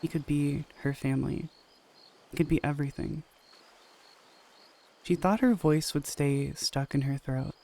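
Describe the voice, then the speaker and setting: A man narrating an audio story in a calm, steady way and speaking as the channel's host. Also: a little high, a little slow, creaky, long pauses. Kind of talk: scripted narration.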